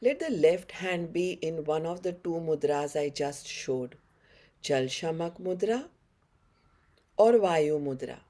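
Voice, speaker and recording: Here the same middle-aged yoga teacher, North Indian in accent, keeps her pace slow while her low, mellow voice moves with lively intonation. Her short, encouraging instructions belong to a guided online class, filmed head-on in a head-and-shoulders webcam frame.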